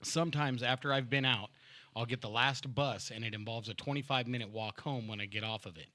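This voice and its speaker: A man hosting a podcast in a home-built studio, his voice bright and forward. He talks loosely and profanely, laughing between fillers. The sound is dry and close-miked. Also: medium pitch, a little fast, no room sound. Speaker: podcast host and band member. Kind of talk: casual chat and reading a fan letter aloud. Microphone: studio mic with headphones.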